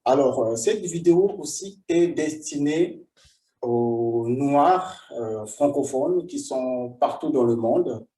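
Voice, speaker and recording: A man in his forties from the Republic of the Congo, speaking. He tells his own life story in a vlog, halting often and repeating himself. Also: medium pitch, expressive, dark tone. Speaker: vlogger.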